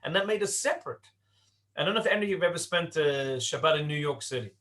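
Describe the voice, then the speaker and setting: A man raised in Britain teaching a Torah class to young adults in a conversational way, asking rhetorical questions and slowing down to stress points. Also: on the high side, expressive, a bit bright. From Britain (born in Leicester, raised in Cardiff).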